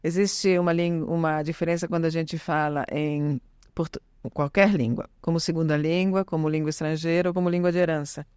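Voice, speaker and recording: A middle-aged podcast guest, born in Italy with Italian as her first language, chats casually, rambling, correcting herself, and often tossing in "né?". Her low, level voice is fairly quick, darkish, and smooth, in a dry, clean studio recording.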